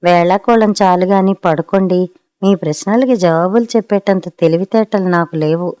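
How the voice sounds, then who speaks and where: A woman voicing a gentle, patient wife who answers her husband mildly in a storybook reading. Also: on the low side, moderate pace, dry recording, studio quality, natural voice. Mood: mild pleading. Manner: pleading and mild.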